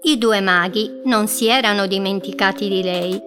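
A woman narrating a children's story gently, drawing words out. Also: mid-range voice, normal speed. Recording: music bed behind.

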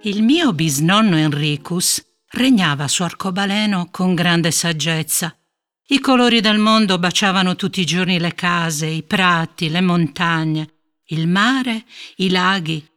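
A woman voicing a wise old grandmother who gently tells a story in a storybook tale. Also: lowish voice, unhurried, soft background music. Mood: tender.

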